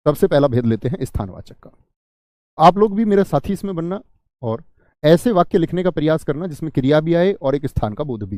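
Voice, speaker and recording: Hindi grammar teacher, dark and dry. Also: male voice, a little high, dry recording. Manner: asks the class questions, then answers them himself; explains slowly and repeats key terms. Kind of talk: online exam-prep class.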